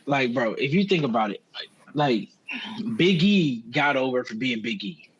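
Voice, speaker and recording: A man's voice: medium pitch, expressive, moderate pace, breathy edge, muffled recording. A man co-hosting a podcast, talking wrestling in a casual, slangy way and swearing freely. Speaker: podcast co-host.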